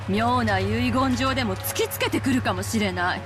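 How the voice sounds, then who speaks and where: An actress playing a haughty, sharp and calculating wealthy woman in a mystery game drama. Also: fairly high pitch, fast talker, close to an everyday voice. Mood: sharp, concerned. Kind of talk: Japanese game voice acting. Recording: loud music and rain sounds behind.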